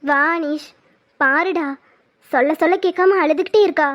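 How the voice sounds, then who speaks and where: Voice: high voice, moderate pace, natural voice. A performer voicing a caring young woman who comforts and advises her grieving relative. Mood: soothing. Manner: soothing, advising. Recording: dull lo-fi sound.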